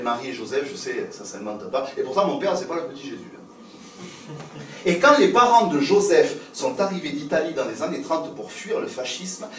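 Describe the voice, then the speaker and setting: A man telling stories on stage, playful and lively, moving between loud and hushed. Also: a little high, a little hiss or hum. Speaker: storyteller. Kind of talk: theatrical storytelling for adults. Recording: roomy live recording from a distance.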